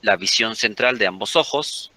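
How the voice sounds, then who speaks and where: A man's voice: on the low side, expressive, moderate pace, sharp tone, no echo. A Mexican man in his forties, a guest in a conversational interview, rambling and often correcting himself mid-sentence. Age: 40s.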